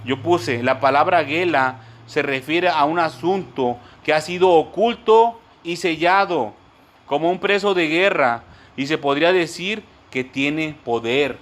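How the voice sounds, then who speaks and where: A fairly high-pitched, somewhat bright male voice moves at a slightly slow pace through a church Bible study. The teacher is repetitive and frequently calls his listeners brothers. He works through the material word by word, spelling terms as he goes.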